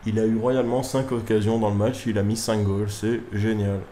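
A young man giving excitable live commentary on his own football video game match, swearing at his players and breaking into shouts. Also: lowish voice, moderate pace. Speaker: gaming YouTuber. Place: room at home at night.

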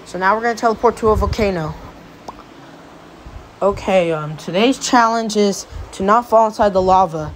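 A woman's voice: mid-range voice, normal speed, natural voice. A woman voicing a bossy object who hosts a homemade cartoon contest, announcing challenges and results. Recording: noisy home recording.

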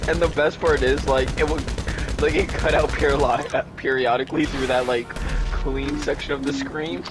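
A man's voice: mid-range voice, steady tone, normal speed. A man chatting with a friend during an online game, teasing her and swearing casually. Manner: teasing, laughing, casual and profane. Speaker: friend playing along in the game. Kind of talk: casual gaming chat.

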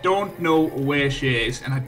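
A man hosting a casual game playthrough, talking excitably, exclaiming and swearing at the action. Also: a little high, moderate pace. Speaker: host. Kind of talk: let's play gaming commentary. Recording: game music loud behind voice.

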